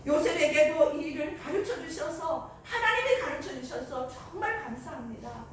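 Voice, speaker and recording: A woman's voice: high voice, expressive, moderate pace, distant mic, a little hiss or hum. A woman preacher voicing Mary, a young woman giving tearful thanks in prayer, in an echoey church hall. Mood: tearful grateful.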